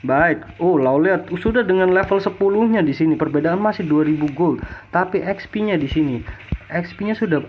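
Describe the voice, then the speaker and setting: A high-pitched man calls an esports match like a fighting game announcer. He is excited, repeats names and fires off rhetorical questions over faint background noise. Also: normal speed. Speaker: esports commentator. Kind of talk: fighting game announcer style play-by-play commentary of a mobile game match.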